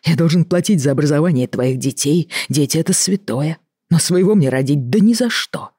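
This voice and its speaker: A reader voicing a tired, fed-up middle-aged doctor in an audiobook, reproachful and measured. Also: mid-range voice, mellow, slightly rough, dry recording, clean studio sound, natural voice. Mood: weary. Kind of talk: audiobook reading.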